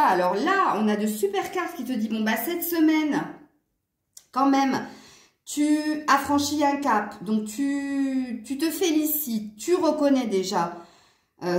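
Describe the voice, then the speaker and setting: Speaking in a southern French accent, a tarot reader chats loosely with her viewers during a casual reading, full of fillers and side comments. Her voice is on the high side and slightly mellow, heard in an echoey room.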